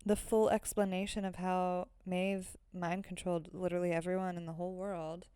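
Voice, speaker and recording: A woman's voice: lowish voice, little pitch movement, moderate pace, warm tone, clear, resonant tone, dry recording, studio quality. A young woman co-hosting a casual book-club podcast, chatty and laughing often, full of fillers. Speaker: podcast co-host.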